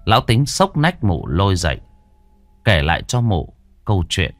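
A man narrating a ghost story with a dramatic, drawn-out delivery. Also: sits low, sing-song, soft background music.

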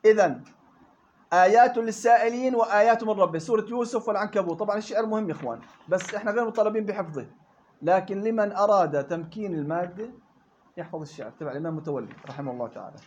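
In a classroom Quran recitation lesson, a Levantine Arabic–accented man with a fairly high, darkish voice moves briskly from point to point. He often stops to fire questions at students and explains each rule in plain colloquial speech. The audio is dull, with a little hiss or hum.

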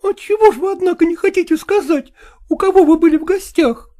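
A man's voice: extremely high pitch, fairly quick, warm tone, pitched above the performer's own voice. A man voicing a jealous, tearful woman who presses her lover with reproachful questions, reading an audiobook.

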